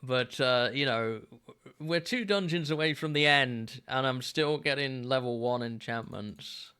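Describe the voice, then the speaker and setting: A man in his thirties thinks out loud through a gameplay stream, unhurried and full of ums. His voice is bright and crisp, and he takes his time. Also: medium pitch. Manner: relaxed, musing aloud with frequent fillers. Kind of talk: casual gameplay commentary.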